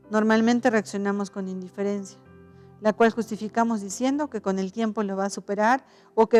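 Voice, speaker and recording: A woman's voice: medium pitch, darkish tone. A woman pastor giving a conversational sermon, often restarting her sentences, adding tag questions and acting out quoted voices.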